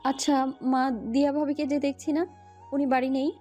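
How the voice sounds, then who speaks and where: A woman voicing a restless, lively young bride who sounds bored and impatient. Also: high voice, normal speed, soft background music, natural voice.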